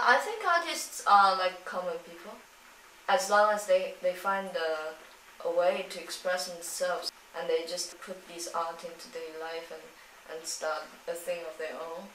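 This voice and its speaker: Her lowish voice is slightly bright. This young adult poet and singer from China, a native Chinese speaker, gropes for words in English during a thoughtful documentary interview, captured by a distant mic in a roomy room with faint noise.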